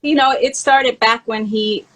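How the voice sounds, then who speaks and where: Speaking unhurriedly in a slightly high, somewhat bright voice, a woman keeps her tone steady. She hosts a countdown of favorite songs and has written a memoir, and here she reminisces openly in relaxed conversation.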